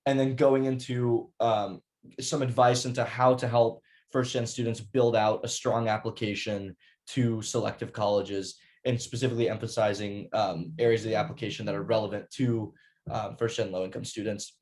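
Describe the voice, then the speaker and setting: A man's voice: on the low side, level tone, normal speed, darkish tone. A young man, a college student, giving an earnest prepared presentation over a video call, with frequent fillers and restarts. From United States. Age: young adult.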